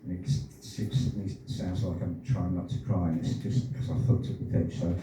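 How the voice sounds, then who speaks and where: A man in his sixties performing his own rhyming poems at an open-mic night, with halting, chatty asides between pieces and casual swearing. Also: low voice, steady tone, warm tone. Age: 60s. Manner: rhythmic rhyming delivery, hesitant rambling asides, swears. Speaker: performance poet. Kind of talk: live poetry reading with chatty asides. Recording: very echoey room, distant, faint noise.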